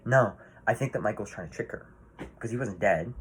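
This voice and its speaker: Male movie reviewer, low voice, casual rambling delivery, swears often. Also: fairly quick, a little hiss or hum. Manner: rambling, swears freely, many fillers and restarts.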